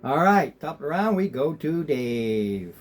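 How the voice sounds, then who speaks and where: A man's voice: on the high side, sing-song, a little slow. A man running a tabletop game as game master, casual and chuckling, thinking aloud.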